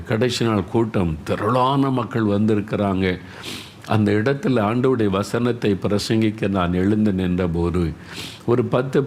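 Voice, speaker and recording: A man's voice: on the low side, a little mellow, slight background noise. A man preaching an earnest sermon, pleading with listeners through repeated questions.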